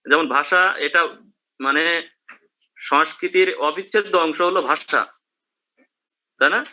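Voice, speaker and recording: A man's voice: on the high side, a little slow, bright, forceful tone. A man from Bangladesh, a teacher giving a class lecture and checking in with his students through questions.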